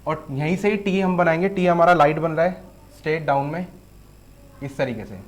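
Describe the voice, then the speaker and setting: A man's voice: on the high side, normal speed. Patient male shorthand teacher. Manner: patient, explains step by step with frequent "theek hai". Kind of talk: online lesson with board demo.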